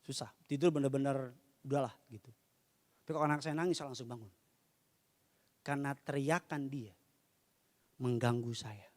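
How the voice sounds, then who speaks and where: A pastor preaching a sermon from Indonesia, joking and swinging from loud preaching to quiet asides. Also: male voice, medium pitch, fairly even intonation, moderate pace, long pauses, long reverb tail.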